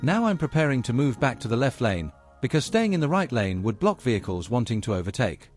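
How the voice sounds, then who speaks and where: A man presenting a driving lesson in a scripted, instructional narration, explaining each point in a measured way and addressing learners directly. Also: mid-range voice, very animated, soft background music.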